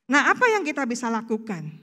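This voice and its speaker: High-voiced woman preaching. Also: big pitch swings, a little fast, bright, forceful tone. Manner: chatty, asks rhetorical questions and answers them. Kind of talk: casual sermon.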